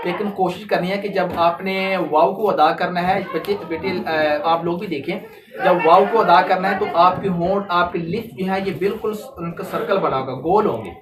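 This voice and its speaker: A woman's voice: fairly low pitch, moderate pace, crowd noise. Patient woman Quran teacher. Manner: patient and repetitive, drawing out sounds to demonstrate. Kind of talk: tajweed lesson with a child pupil. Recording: distant mic with steady background noise.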